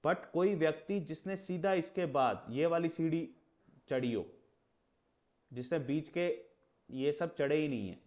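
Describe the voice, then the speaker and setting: In a muffled recording, a man with a slightly high, somewhat mellow voice teaches an astrology class in Hindi sprinkled with English terms. He speaks unhurriedly with frequent pauses, keeping it conversational by posing rhetorical questions and acting out little mock exchanges.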